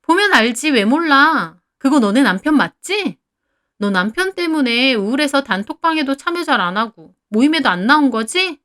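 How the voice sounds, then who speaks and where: A woman's voice: high-pitched, animated, moderate pace, a bit bright, pitched above the performer's own voice. A woman reading a story aloud who voices a jealous, sarcastic female friend in her twenties or thirties, prying into someone's marriage.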